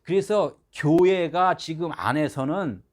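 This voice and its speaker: A male pastor delivering a conversational sermon, full of rhetorical questions and swinging between loud stresses and soft asides. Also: a little high, slow pace.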